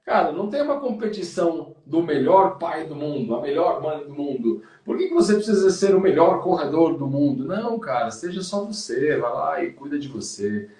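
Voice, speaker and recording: A man's voice: a little high, expressive, moderate pace, few pauses, warm tone, distant mic. Motivational Brazilian man in a roomy room. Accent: Brazilian Portuguese. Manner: motivational, addresses listener as "cara". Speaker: podcast host and running coach. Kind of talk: casual podcast chat.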